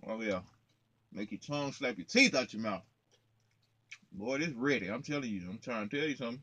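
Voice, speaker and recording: A man's voice: medium pitch, expressive, fairly quick, fairly bright tone, no room sound, lo-fi sound. A young man in his twenties, a trucker vlogging in slangy, playful casual chat, talking straight to his viewers from his truck cab into a close phone camera. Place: parked truck cab, indoors, small.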